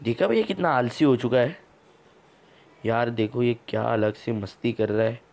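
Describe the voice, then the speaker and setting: A man's voice: mid-range voice, moderate pace, creaky, darkish tone. Man doing playful mock-scolding game commentary. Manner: teasing, mock-scolding banter. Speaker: gameplay video host. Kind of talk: casual gameplay commentary.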